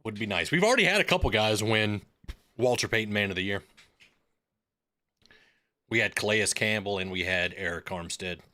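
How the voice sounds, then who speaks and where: A man's voice: lowish voice, moderate pace, pauses often, sharp tone. A man in his thirties hosting a live stream, chatting casually and telling rambling stories. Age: 30s. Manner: rambling storyteller with filler words and restarts.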